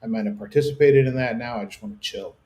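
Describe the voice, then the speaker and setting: A man's voice: mid-range voice, fast, darkish tone. A middle-aged man co-hosting a show, telling easygoing stories with dry humor. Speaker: radio co-host. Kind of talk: casual chat.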